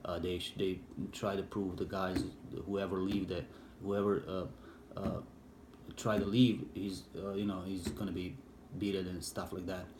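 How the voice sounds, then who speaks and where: A middle-aged man from Bosnia with a Bosnian accent, English not his first language, recalling his past haltingly with many fillers and restarts in an interview. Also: sits low, level tone. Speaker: interviewee, war veteran. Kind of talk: personal recollection, hesitant. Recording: echoey room with faint background noise.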